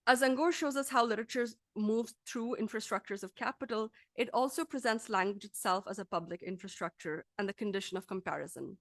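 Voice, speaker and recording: Reading aloud from a prepared academic script, a female lecturer sounds formal, articulate and measured. She has a mid-range voice with a fairly bright quality, recorded without echo.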